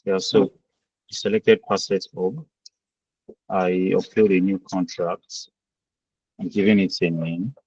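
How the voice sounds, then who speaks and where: Man, very low voice, husky, hesitant step-by-step explaining, video call audio in a screen recording. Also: steady tone, takes it slowly, long pauses, darkish tone, no echo. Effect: voice heard through a video call in a screen recording. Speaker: student on an online class call. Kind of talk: casual screen-share talk. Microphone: video call mic. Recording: dull, dry lo-fi call audio.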